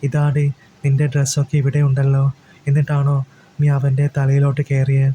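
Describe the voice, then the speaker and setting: A man voicing a sharp-tongued mother who scolds her children, in a flat, low-key way. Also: moderate pace, a little hiss or hum, close to an everyday voice. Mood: scolding.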